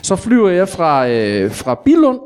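A rambling braggart, as a man plays him in an improvised comedy interview, stumbling over his words, restarting and piling on fillers. His voice sits somewhat high. He talks in a halting, self-correcting way. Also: huge pitch swings, darkish tone, smooth. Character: rambling boastful man telling wild tall tales.

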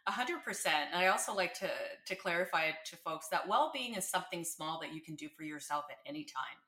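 A woman's voice: lowish voice, lively intonation, quick pace, sharp tone, roomy sound. A woman from Ontario hosting a podcast, chatty and affirming. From Burlington, Ontario, Canada. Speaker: podcast host. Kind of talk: casual interview talk.

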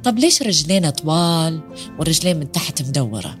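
A woman's voice: sits low, big pitch swings, fairly quick, faint music behind. A woman voicing a curious baby camel that keeps asking questions. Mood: pestering. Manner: persistent questioning, childlike.

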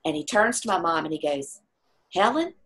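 Animated woman telling a personal story. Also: low voice, a little fast. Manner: animated storyteller who acts out quoted voices. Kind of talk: storytelling in a conversation.

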